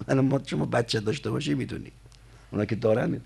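A man preaching a sermon, telling stories in colloquial speech and slowly chanting prayer lines. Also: mid-range voice, vocal fry, a little mellow, husky.

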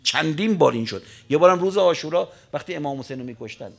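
A man with a gravelly, creaky voice delivers an emotional sermon in the manner of a dramatic storyteller. His voice leaps high and loud at the tense moments, then sinks to a low, quiet murmur. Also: animated. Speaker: preacher.

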